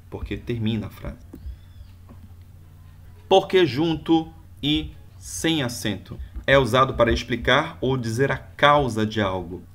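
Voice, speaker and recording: A man's voice: medium pitch, a bit bright. A male teacher explaining grammar rules step by step, using example sentences. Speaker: Portuguese teacher. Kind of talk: video grammar lesson.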